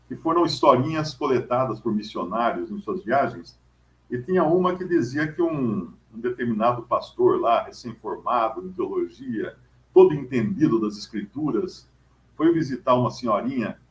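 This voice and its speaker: Man giving a chatty Bible talk. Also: mid-range voice. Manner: conversational, storytelling, frequent "né?". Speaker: Bible teacher. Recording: roomy echo.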